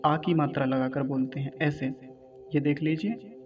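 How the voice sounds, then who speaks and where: Faint music plays behind a Vedic recitation teacher whose voice is on the high side, with fairly even intonation and a moderate pace. He teaches correct Sanskrit verse pronunciation, elongating syllables and asking his class questions. The sound is dull.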